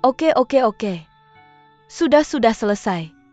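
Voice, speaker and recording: A pushy worried young friend. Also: female voice, fairly high pitch, animated, takes it slowly, a little mellow, dry recording. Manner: pressing, repeats questions. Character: worried young woman visiting her close friend. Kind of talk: drama dub. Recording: dull dry studio dub, faint music.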